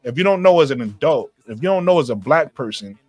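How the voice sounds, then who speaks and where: Here the Brooklyn speaker, New York accent intact, sounds darkish and mid-pitched, animated and quick as he hammers his points home in a casual group discussion. He repeats phrases and calls folks "bro," with no echo and soft music playing behind him.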